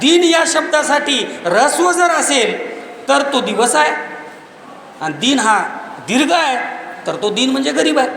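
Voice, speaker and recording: A man delivers a lecture in a high, ringing voice. He builds his points through lists of examples and pushes his voice close to a shout when he stresses them. The sound is echoey and slightly distant, as if captured in a large hall, with a faint background hum. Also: big pitch swings, unhurried, vocal fry. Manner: emphatic, rising to near-shouts on key points; explains by listing examples. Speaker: speaker on Marathi language and literature. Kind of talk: public lecture.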